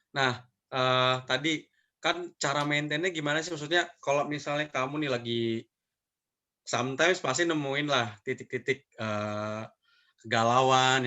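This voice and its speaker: A man's voice: medium pitch, bright, forceful tone. A man hosting an interview who asks rambling, hesitant questions and mixes in English words. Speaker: host. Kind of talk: casual interview.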